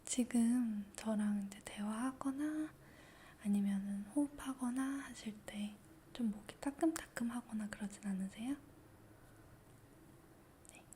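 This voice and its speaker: Soft-whispering woman, slow and gentle. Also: a little high, slight background noise. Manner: gentle, reassuring, patient. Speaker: ASMR doctor roleplay. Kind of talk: whispered ASMR roleplay.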